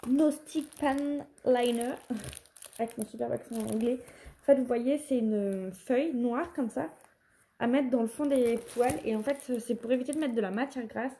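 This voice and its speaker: A woman's voice: fairly high pitch, normal speed, warm tone, a little hiss or hum. A woman chatting casually in a home haul vlog, rambling and correcting herself as she goes. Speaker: vlogger.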